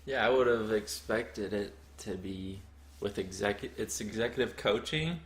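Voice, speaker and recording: A young man co-hosting a soccer coaching podcast, easygoing and quick to laugh. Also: fairly low pitch. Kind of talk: casual podcast chat.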